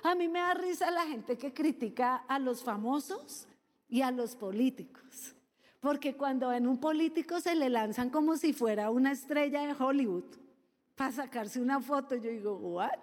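A woman preaching a sermon, animated and playful, with lively asides and mimicry. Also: high voice, moderate pace, big-room sound.

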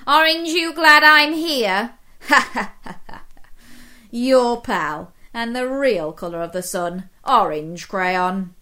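A woman's voice: on the high side, expressive, takes it slowly, pushed and bright, full character voice. A woman voicing a cheeky, joking orange crayon in a children's storybook.

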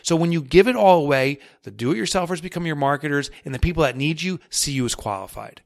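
A man guest on a podcast interview, talking in an energetic, emphatic way and building his points step by step. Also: a little high, fast, vocal fry, no room sound, studio quality. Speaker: guest author.

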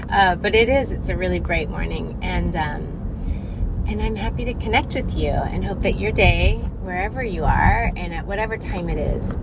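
A woman hosting a casual solo podcast, thinking aloud with frequent check-ins, speaking from a little way off a phone in a car. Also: medium pitch. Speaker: podcast host. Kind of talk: casual solo reflective talk. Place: inside a car. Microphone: phone, not held, at a distance. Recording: far from mic, noisy car phone recording. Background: vehicle noise.

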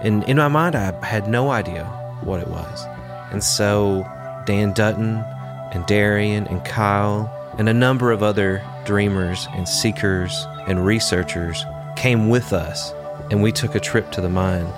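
A man hosting a podcast, reading scripted narration in a measured, earnest way. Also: fairly low pitch. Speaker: podcast host. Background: music.

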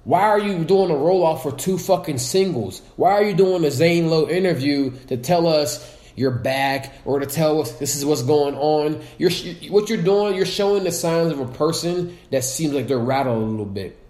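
Man co-host, blunt and animated, slightly higher voice, sore throat, casual podcast chat, roomy sound. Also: normal speed. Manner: animated, blunt, swearing freely.

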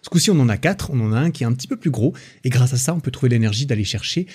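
A man's voice: mid-range voice, lively intonation, rapid-fire, a little mellow, husky. A man hosting a solo podcast, talking informally with slang, frequent restarts and fillers. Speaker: podcast host. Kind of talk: casual solo podcast monologue.

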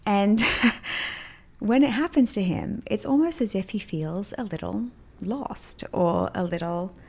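A woman's voice: medium pitch, slow, vocal fry, warm tone. Upbeat woman hosting a podcast. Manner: upbeat, laughs often, self-help tone. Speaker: podcast host. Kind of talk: solo podcast talk.

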